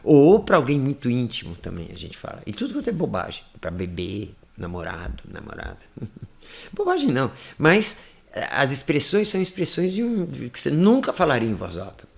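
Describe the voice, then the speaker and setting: A man teaching an online class, speaking close to the mic in a playful, lively way that often drops to a soft, intimate voice. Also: a little high, a little fast, creaky. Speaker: English teacher. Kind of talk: online lesson talk. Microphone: close to the microphone.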